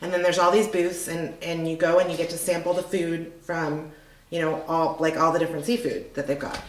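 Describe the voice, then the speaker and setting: A woman's voice: low voice, level tone, a little fast, a little hiss or hum. Chatty middle-aged woman, echoey room. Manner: chatty, rambling, lots of fillers. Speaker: restaurant owner. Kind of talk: casual interview conversation.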